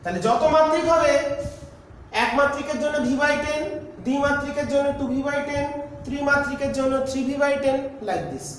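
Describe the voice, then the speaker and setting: A man's voice: extremely high pitch, normal speed, fairly bright tone. A man teaching a physics lesson, explaining step by step and asking questions he then answers himself. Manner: stepwise explaining, asks and answers own questions. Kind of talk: classroom lecture. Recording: very echoey room, faint noise.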